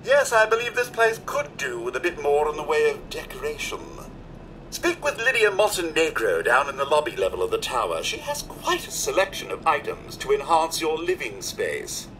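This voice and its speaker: A courteous robot butler from a video game, prim and deferential in every phrase. His voice sits high and bright, and his pitch swoops widely as he offers his services. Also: wildly swooping pitch, moderate pace, slight background noise, heavily acted, rough recording. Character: polite male robot butler, formal and eager to serve. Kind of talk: video game character dialogue.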